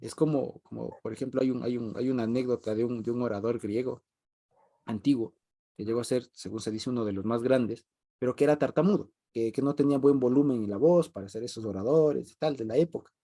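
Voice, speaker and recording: Mellow-voiced man leading a Bible study. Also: mid-range voice, fairly quick. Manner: conversational, repeats key phrases, chuckles often. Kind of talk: informal group Bible teaching.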